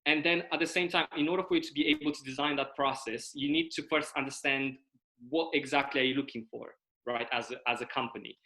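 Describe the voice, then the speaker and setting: A young Romanian guest in a casual video-call interview explains at length, leaning on tag questions like "right?" and "okay?". He is a fast talker with a medium-pitched, sharp voice and a steady tone, and the recording is low quality.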